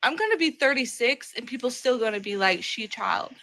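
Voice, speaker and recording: Hesitant young woman, slightly high voice. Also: lively intonation, brisk, sharp tone. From Colorado. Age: 20s. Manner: hesitant, nervous. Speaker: caller. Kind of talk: casual chat.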